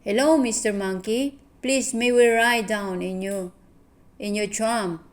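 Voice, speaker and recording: A woman voicing a cheerful, polite small male dog in a slowly read storybook. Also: medium pitch, lightly acted. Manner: polite and eager. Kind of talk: storybook reading.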